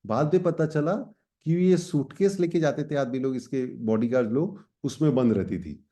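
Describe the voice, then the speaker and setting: A man's voice: medium pitch, moderate pace, mellow. A man teaching a class of students in a chatty way, switching between Hindi and English phrases. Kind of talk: explanatory class talk.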